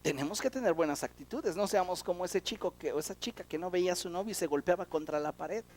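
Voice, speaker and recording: A man preaching a sermon as pastor, animated and full of rhetorical questions. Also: high-pitched, fast talker.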